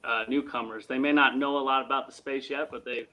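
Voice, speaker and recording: A man talking as a guest in a casual interview, earnest and animated, with sports analogies. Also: medium pitch, a little fast, lo-fi sound.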